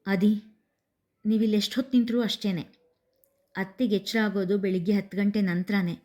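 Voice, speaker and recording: A woman voicing a caring young woman who quickly coaxes someone to rest. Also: medium pitch, steady tone, darkish tone, close to an everyday voice. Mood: pleading. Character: caring young woman coaxing her partner.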